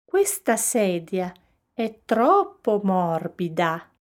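A woman's voice: medium pitch, big pitch swings, extremely slow, pitched above the performer's own voice. A woman voicing the fussy little girl Goldilocks in a storybook reading. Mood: complaining. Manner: fussy, complaining.

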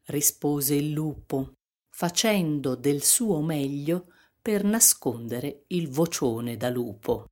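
Low-voiced woman reading a fairy tale. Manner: calm, measured storytelling. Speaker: narrator. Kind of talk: storybook reading.

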